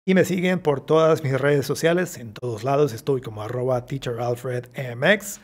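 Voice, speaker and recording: A man with a Mexican Spanish accent, an English teacher giving a vocabulary lesson and repeating each English word slowly to model its pronunciation. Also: mid-range voice.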